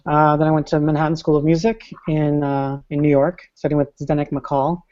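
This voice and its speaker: Mellow-voiced man, halting, on a call. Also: on the high side, monotone. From San Francisco Bay Area. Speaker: panel guest. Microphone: video call. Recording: muffled video call audio.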